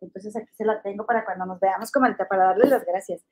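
A woman's voice: mid-range voice, fairly even intonation, fast, a little mellow. A middle-aged woman from Monterrey with a Monterrey Mexican accent, chatting casually as a gossip podcast host and calling her listeners comadres. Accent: Monterrey Mexican Spanish.

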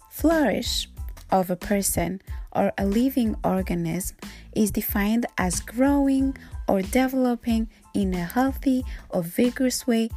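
A woman's voice: medium pitch, creaky, a little mellow. Upbeat young woman from Rwanda hosting. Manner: upbeat, playful, motivational. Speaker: podcast host. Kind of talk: solo podcast monologue.

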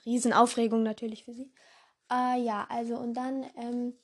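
A young woman with a hoarse voice, pitched on the high side, hosts a casual podcast. Her delivery is flat and her speed normal as she rambles, piling on fillers and self-corrections and jumping between voices.

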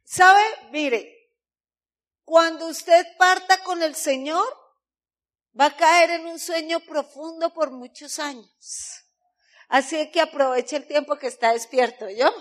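A woman pastor preaches with a high voice at an unhurried pace. She asks her listeners playful rhetorical questions and mimics people's voices to make her points. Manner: mocks people with put-on voices. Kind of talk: sermon.

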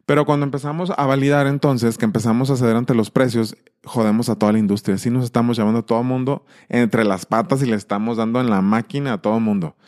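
A man's voice: medium pitch, fairly even intonation, fast talker, few pauses, a little mellow. A man hosting his channel in a casual monologue, talking emphatically with frequent restarts. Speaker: channel host.

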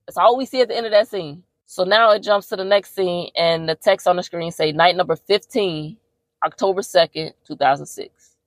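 A woman hosts a casual movie-recap podcast. She tells the story in a slangy, animated style with plenty of cursing. Her voice sits on the low side, and the sound is dry and close. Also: normal speed, dry recording. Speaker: podcast host.

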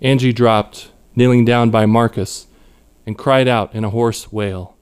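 A man narrates his own short story in a measured, even way. His voice is clear and smooth, with a mid-range pitch. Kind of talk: scripted narration.

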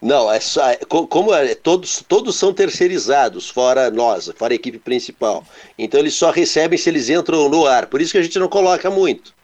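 A man, co-hosting a casual show and telling stories in an animated way with sound-effect words. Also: fairly high pitch, fairly quick. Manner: animated, onomatopoeic storytelling. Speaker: co-host. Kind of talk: casual storytelling chat.

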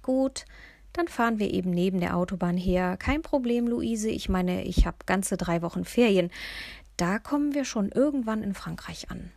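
Woman playing a cautious female companion, reassuring, gravelly, dry storybook reading. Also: medium pitch, expressive, moderate pace, a little mellow, no room sound. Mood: careful. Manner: careful, reassuring.

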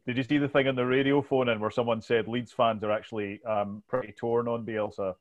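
A man's voice: medium pitch, little pitch movement, fairly quick, highs cut off. A man with a Glasgow Scottish accent chatting casually about football, informal and sweary, as a podcast host.

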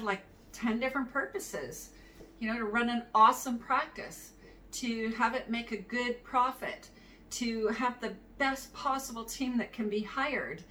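A woman's voice: fairly high pitch, bright, forceful tone. A middle-aged woman, a practice management consultant, giving conversational advice with small anecdotes. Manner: conversational, tells anecdotes, chuckles now and then. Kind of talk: solo advice talk to camera. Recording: somewhat distant mic with faint background noise.

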